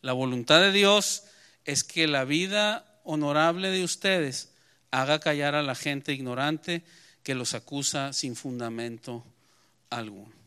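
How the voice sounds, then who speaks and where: Bright, clear-voiced pastor preaching. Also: male voice, on the high side, measured pace. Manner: emphatic preaching that swells and then drops to a quiet close. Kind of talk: sermon with scripture reading.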